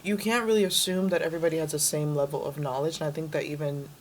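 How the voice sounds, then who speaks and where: A woman's voice: sits low, fairly even intonation, fast, a little hiss or hum. A young woman from the Dominican Republic, raised in New York City, talking casually as an interview guest with lots of "like" fillers. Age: young adult. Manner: chatty, many "like" fillers.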